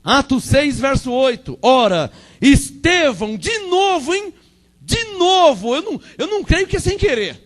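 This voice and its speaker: A Brazilian man in his forties preaches with a strikingly high voice for a man. He repeats his lines for emphasis and swings between ringing proclamations and hushed asides. His Brazilian Portuguese accent comes through clearly. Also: big pitch swings, unhurried. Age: 40s. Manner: fervent, repetitive, swings between loud proclamation and quiet asides. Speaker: pastor. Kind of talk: Pentecostal sermon.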